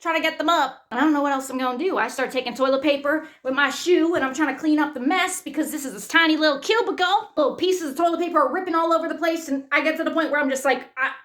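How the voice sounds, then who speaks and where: A woman with a high, bright voice tells a comic story. Her delivery is animated, profane and punchy. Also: fast talker, few pauses. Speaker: comedian.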